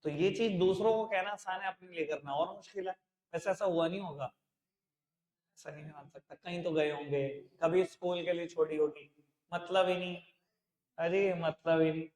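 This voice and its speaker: A man's voice: on the high side, brisk, darkish tone. A man teaching accounts in a live classroom lecture, chatty and familiar with his students, mixing in English terms. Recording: echoey classroom.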